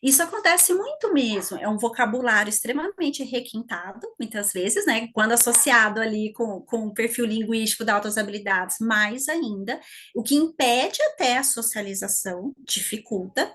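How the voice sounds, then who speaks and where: A Brazilian woman neurologist explains as an interview guest, speaking fluently and at length. Her voice sits a little high. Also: fairly bright tone. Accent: Brazilian Portuguese. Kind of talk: expert interview answer.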